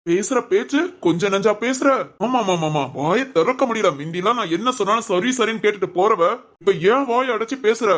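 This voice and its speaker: A woman voicing a dismissive young husband in a cartoon family drama, talking in a gruff, scolding way. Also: medium pitch, a little fast, natural voice. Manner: gruff, scolding, self-pitying complaints.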